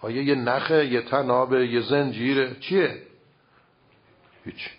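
A man of medium pitch and steady tone teaches religious philosophy informally, using rhetorical questions and everyday examples. The recording sounds dull and lo-fi.

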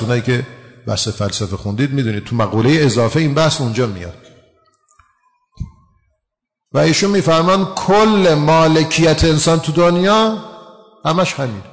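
A man's voice: mid-range voice, long reverb tail. A man giving a religious lecture, explaining a text and asking his listeners rhetorical questions.

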